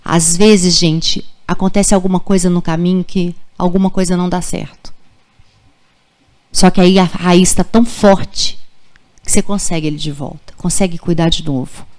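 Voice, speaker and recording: A woman's voice: on the low side, fairly even intonation, normal speed. Woman in her forties, pediatrician speaking to parents in a friendly, conversational way. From Brazil. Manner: warm, conversational, checks in with "tá?" and "gente". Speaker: pediatrician giving a parenting talk. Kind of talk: live lecture to parents. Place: school auditorium.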